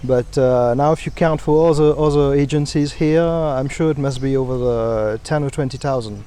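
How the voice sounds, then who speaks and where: A man with a Mauritian accent answering interview questions in a conversational, halting way, with frequent pauses. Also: medium pitch, dark tone, clean tone. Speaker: company CEO, interviewee.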